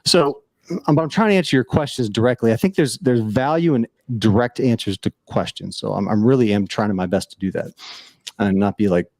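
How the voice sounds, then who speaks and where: A man's voice: on the low side, fairly quick, a little mellow, no echo, clean studio sound. A man telling a personal story on a casual podcast, earnest and rambling, with frequent restarts.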